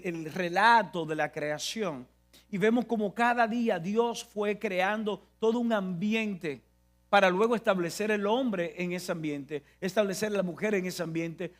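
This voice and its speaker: A man's voice: sits high, a little slow, faint music behind. A man with a Dominican Spanish accent preaching a sermon, emphatic and repetitive, often restarting his phrases.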